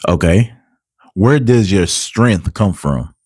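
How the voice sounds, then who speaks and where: A man's voice: low-pitched, animated, takes it slowly, darkish tone, husky, no room sound. A man who hosts the interview, encouraging his guest and adding motivational asides. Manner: encouraging, many affirming murmurs, motivational asides. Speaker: interview host. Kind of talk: casual interview hosting.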